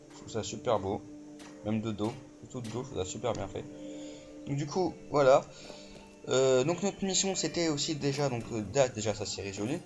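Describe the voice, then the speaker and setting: A man giving casual let's play commentary while he plays, excitable, full of fillers and swearing. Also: mid-range voice. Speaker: gamer. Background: game music.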